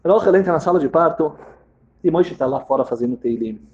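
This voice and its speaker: High-voiced man preaching a dramatic parable. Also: lively intonation, brisk, dull audio. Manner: theatrical, swinging from hushed to loud.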